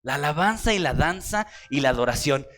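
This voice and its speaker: A male pastor with a Mexican accent, preaching in a lively, joking way. His voice sits a little high, and he keeps turning to the congregation with questions and quips. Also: a little fast. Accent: Mexican Spanish. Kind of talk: sermon. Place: church.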